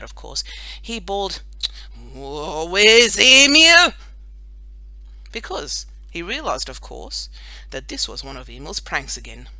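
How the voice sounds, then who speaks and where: A woman with a low-pitched voice narrates a children's audiobook in an expressive, scripted storytelling style. The recording is dry and of low quality.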